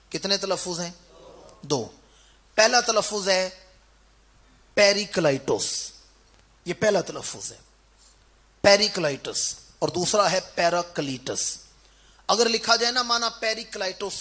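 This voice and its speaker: A man preaching a sermon to a village gathering, putting questions to his listeners and answering them himself, moving between loud declaiming and quiet explanation. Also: sits high. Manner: orator who quizzes the crowd and answers himself. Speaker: Islamic preacher. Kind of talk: Urdu sermon.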